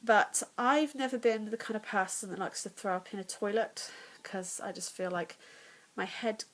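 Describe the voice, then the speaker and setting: In a low-quality recording, the same young Englishwoman talks about her pregnancy at home one evening, candid and chatty, nasal from congestion and frequently slipping into a whisper. Her voice sits mid-range and moves at a moderate pace.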